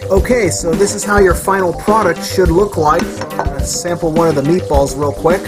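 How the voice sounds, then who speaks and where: With music in the background, a young man with a voice on the high side hosts a casual cooking tutorial at home, explaining each step. He speaks at normal speed with fairly even intonation, often restarting and correcting himself.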